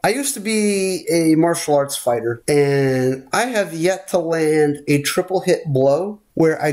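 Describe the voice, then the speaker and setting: A man's voice: on the high side, darkish tone. Opinionated man co-hosting a podcast. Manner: opinionated, rambling, interrupts. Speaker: podcast co-host. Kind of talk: casual chat.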